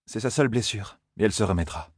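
A man reading an audiobook, voicing a calm, cold and commanding sorceress in a soft, even tone. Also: fast talker, husky, dry recording, studio quality. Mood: composed. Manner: composed, cool, low-key.

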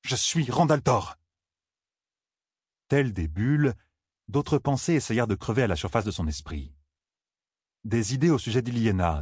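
A man reading a fantasy audiobook in a steady, grave, measured way. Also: on the low side, slightly rough, dry recording, clean studio sound. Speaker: audiobook narrator. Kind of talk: scripted fantasy narration.

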